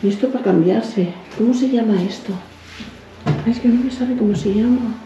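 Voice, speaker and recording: Excitable woman exploring a house. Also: on the high side, normal speed. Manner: excitable, exclaims and marvels aloud, often hushed. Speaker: urban explorer host. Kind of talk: casual exploring vlog. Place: inside an abandoned house. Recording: roomy, dull lo-fi camera audio with faint music.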